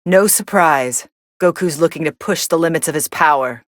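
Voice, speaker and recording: A woman playing a cool, sardonic young female android who commentates on fights in a video game, deadpan, dry and aloof. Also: sits low, moderate pace, dry recording, lightly acted. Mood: cool, unimpressed.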